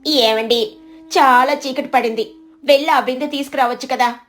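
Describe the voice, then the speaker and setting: A woman voicing an anxious, loving village wife in an animated storybook, excitable and pleading. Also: sits high, moderate pace, faint music behind. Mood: excited.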